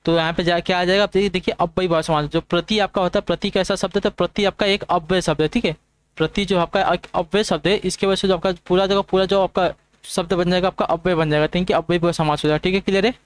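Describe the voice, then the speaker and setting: Fast-talking male exam prep teacher. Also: high voice, steady tone, smooth. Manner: fast, repetitive checking-in with students. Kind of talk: online class lesson.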